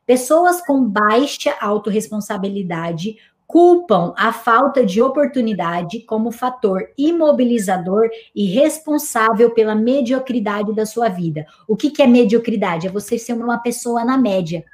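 A young woman, hosting a live stream as a weight-loss coach and talking in an emphatic, energetic way. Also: on the high side, unhurried, few pauses. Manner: emphatic, self-described energetic, scolding but affectionate. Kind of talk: energetic motivational live chat.

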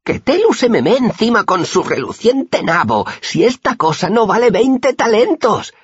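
A man voicing a crude, greedy street boy who jeers and taunts loudly. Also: high-pitched, big pitch swings, a little fast, slightly rough, no echo, highs cut off, pitched above the performer's own voice, full character voice. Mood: greedy excitement. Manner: loud, crude, jeering.

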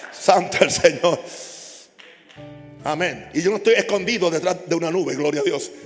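A man's voice: a little high, quick pace, faint music behind. Fiery preaching man in echoing hall. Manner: impassioned, builds to shouting with repeated phrases. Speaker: pastor. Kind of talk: sermon. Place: church hall.

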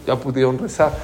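A man's voice: mid-range voice, a little mellow. A man teaching a class, telling anecdotes, acting out the dialogue and asking his listeners questions. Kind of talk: recorded class with storytelling.

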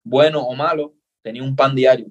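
A young man with a Cuban Spanish accent tells his own story as a guest in a relaxed interview. His voice sits at an ordinary middle pitch, and he talks earnestly. He slips into the voices of the people in his story to act out their lines. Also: a little fast, lo-fi sound. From Cuba. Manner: earnest, animated storyteller, acts out dialogue.

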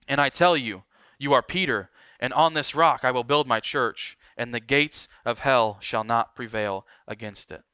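A man preaching a sermon as pastor, emphatic and building, then dropping to quiet lines for weight. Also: mid-range voice, normal speed, hardly any pauses, smooth, no room sound, studio quality.

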